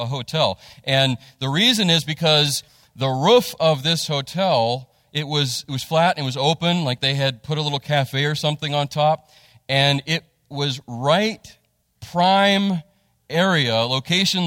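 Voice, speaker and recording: A man's voice: a little high, no room sound, in a large hall. A pastor telling a family story in a sermon, acting out the people he quotes before turning to scripture. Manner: animated storytelling, acts out quotes.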